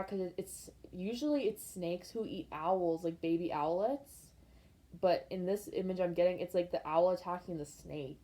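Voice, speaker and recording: A young woman reads tarot cards for her viewers in a chatty, excitable way, often trailing off with "like". Her voice sits slightly low and sounds warm and mellow. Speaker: tarot reader. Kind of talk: pick-a-card tarot reading.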